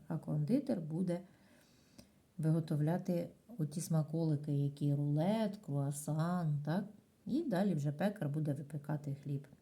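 Dark-voiced woman teaching young pupils. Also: low-pitched. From Ukraine. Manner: slow, clear dictation with questions to pupils. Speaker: primary school teacher. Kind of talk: video lesson for children.

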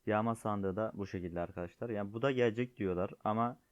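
Sick guy with a low voice chatting about a mobile game, dry lo-fi recording. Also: fast, no room sound. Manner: chatty, addresses viewers as friends. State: sick, voice strained. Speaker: gaming YouTuber. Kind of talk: casual gameplay commentary. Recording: dull, lo-fi dry sound.

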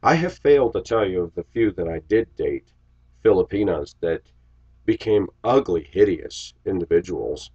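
A husky, low-pitched, slightly mellow voice belongs to an American man in his forties who is congested and recovering from a cold. Seated in a small room with shelves, he speaks to viewers in a rambling, reflective, casual confession, captured as dull lo-fi audio by a webcam mic at desk distance.

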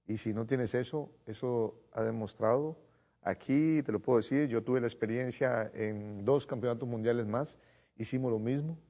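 A man recounts old stories as a guest on a studio talk show, slipping into other people's voices as he quotes them. His voice is gravelly and husky, with a dark, mellow tone. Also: medium pitch. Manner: animated storyteller, quotes others in dialogue. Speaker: former national team staff member, studio guest. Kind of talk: telling anecdotes on a TV talk show.

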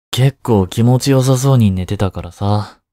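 A man takes the role of a young male tutor in an intimate, one-sided voice drama aimed at women, his mid-pitched voice soft and mellow. Recorded dry with no echo and only lightly acted, he speaks unhurriedly, soothing and gently scolding in a teasing, caring way.

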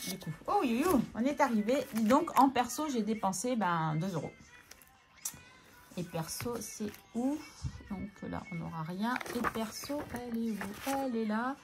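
A woman vlogging casually as she sorts her budget, chatting to herself and counting out loud. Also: fairly high pitch, lively intonation, normal speed. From France. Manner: talks to herself, scolds herself by name, counts aloud. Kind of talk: casual chatty talk to camera while counting money.

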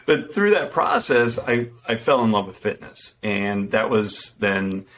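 With a fairly low, fairly bright voice, a middle-aged man talks expressively and at a measured pace about his fitness business as a podcast guest. His telling is casual, earnest and self-deprecating, full of restarts. The setting is an indoor home room with a window, and a studio mic sits in front of him.

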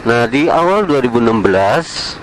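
A man chatting casually while riding a motorcycle, with relaxed slang and small chuckles, recorded on a helmet camera. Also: medium pitch, normal speed, low-quality recording. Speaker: motovlogger. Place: on a motorcycle in night city traffic. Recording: faint traffic noise outdoors.

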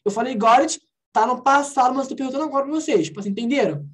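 High-voiced woman teaching English. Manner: explains phrases in Portuguese and repeats English examples slowly. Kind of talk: online conversation class. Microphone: video call.

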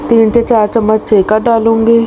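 A woman's voice: fairly high pitch, monotone, normal speed. A woman, hosting a cooking channel and talking through a recipe step by step, with small restarts. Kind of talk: recipe voice-over narration. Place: home kitchen. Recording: noisy home recording.

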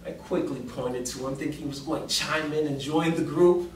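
High-voiced man telling a story in a roomy hall. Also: normal speed. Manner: animated, dramatic storytelling with emphatic rises. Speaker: public speaker. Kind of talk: storytelling speech to an audience. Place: meeting room before an audience. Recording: roomy hall sound from a distant mic with faint noise.

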